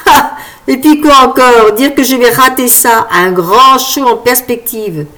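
A woman's voice: fairly high pitch, measured pace, bright, forceful tone, pitched above the performer's own voice. A woman doing a teasing, mocking husband.

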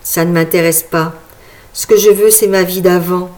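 A woman's voice: fairly low pitch, fairly even intonation, normal speed, darkish tone, natural voice. Woman doing stubborn old man Maurice. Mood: resigned.

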